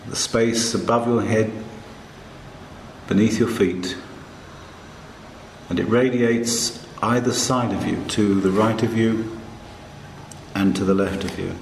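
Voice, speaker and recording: Slow, low-voiced man guiding a meditation. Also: gravelly, echoey room, a little hiss or hum, low-quality recording. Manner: calm, hushed, soothing, with long pauses between short phrases. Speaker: guided meditation narrator. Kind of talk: slow guided meditation narration.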